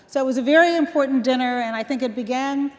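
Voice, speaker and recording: High-voiced woman telling stories in a hall. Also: fast. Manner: warm storytelling, laughs between points. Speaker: guest speaker. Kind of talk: onstage conversation. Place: large event hall. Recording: long hall reverb.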